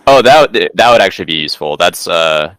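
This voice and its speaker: A man with a very deep, smooth, resonant voice makes offhand remarks in an easy, laid-back way. His sound is close and dry, with no room around it. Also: animated, quick pace, fairly bright tone, dry recording. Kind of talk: casual group chat.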